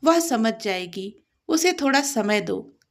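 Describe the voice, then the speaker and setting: A woman plays a young husband keeping the peace in a storybook tale. He speaks firmly and slowly, in a voice left fairly high. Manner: firm, calming.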